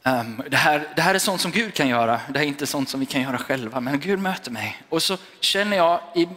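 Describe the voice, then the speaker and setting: A man's voice: on the high side, fairly bright tone. A middle-aged man preaching a sermon as a pastor, telling a personal story with a few English asides. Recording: long reverb of a church hall.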